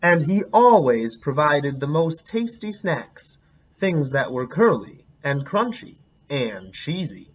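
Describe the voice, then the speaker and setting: Lively male teacher reading aloud. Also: a little high, slow, husky, dull audio. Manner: lively storyteller, comments on the pictures. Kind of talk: picture book read-aloud.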